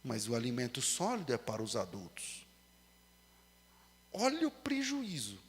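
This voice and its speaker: A man preaching a sermon with a Brazilian Portuguese accent. He moves between loud emphasis and quiet asides and acts out quoted voices with humor. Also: medium pitch, wildly swooping pitch, moderate pace, long reverb tail. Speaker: pastor.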